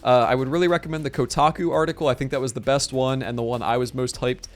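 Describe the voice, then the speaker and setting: In a casual live stream, a man with a mid-range voice speeds through an excited, rambling chat about putting together a tournament, though his voice is becoming hoarse. Faint music sits behind him.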